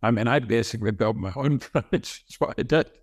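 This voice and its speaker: Speaking in a mid-range voice with a Scottish accent, this older man from Scotland is a senior medical professor and researcher being interviewed. He reminisces conversationally but haltingly, repeating words along the way, in a studio-quality recording with no room sound.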